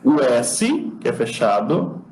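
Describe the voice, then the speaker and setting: A man's voice: mid-range voice, wildly swooping pitch, slow, darkish tone, roomy sound, slight background noise, rough recording. A man with a Brazilian accent giving an online lecture, patiently explaining the sign alphabet step by step. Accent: Brazilian Portuguese. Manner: patient, explanatory, demonstrates as he talks.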